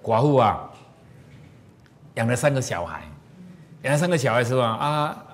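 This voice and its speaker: Man, lively teacher, tells parables, quizzes the room, swooping mid-pitch voice. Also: moderate pace, a little hiss or hum. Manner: animated, asks the audience questions. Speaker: moral teacher. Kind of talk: storytelling lecture to an audience.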